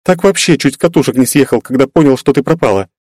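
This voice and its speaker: A man's voice: mid-range voice, animated, fast talker, a little mellow, no echo, clean studio sound, pitched above the performer's own voice, natural voice. A man voicing an eager young woman. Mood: worried. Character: young woman, excitable and fussing friend.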